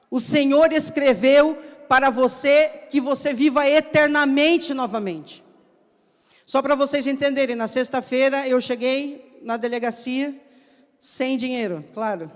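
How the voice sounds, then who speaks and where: A woman preacher delivers a sermon in a slow, emphatic storytelling manner. She acts out the conversations from her testimony as she goes. Her voice carries a long reverb, as if recorded in a large church hall. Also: high voice. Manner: acts out dialogue in her stories.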